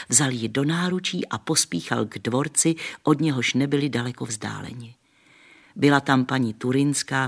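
A man doing a gravelly old village grandmother. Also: medium pitch. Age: older. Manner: homely, patient storytelling with folksy sayings. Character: kindly old grandmother, gentle village storyteller.

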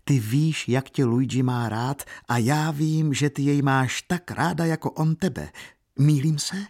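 A man voicing a warm, eager middle-aged aunt and mother, speaking emphatically and louder, in an audiobook reading. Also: mid-range voice, pitched above the performer's own voice, lightly acted. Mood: urging.

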